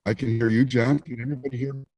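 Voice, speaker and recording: A man's voice: medium pitch, steady tone, very fast, mellow, no room sound, rough recording. A man chairing a committee meeting over a video call from his phone, speaking plainly with many fillers. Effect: speaking over a video call from a phone, connection breaking up. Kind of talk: chairing a public board meeting.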